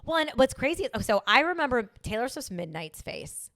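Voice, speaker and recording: A woman's voice: a little high, very animated, fairly quick, fairly bright tone. A young woman co-hosting a pop culture podcast in a casual chat, talking emphatically and restarting her sentences often. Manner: chatty, restarts a lot, emphatic opinions. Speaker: podcast co-host.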